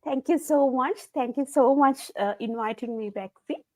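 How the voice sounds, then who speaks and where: A woman's voice: high-pitched, moderate pace, no echo, rough recording. A woman in her thirties from Sri Lanka, a guest on an online call, talking earnestly about her life and work. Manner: earnest, non-native phrasing, soft laughs. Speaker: guest, engineer. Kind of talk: casual interview chat. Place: home.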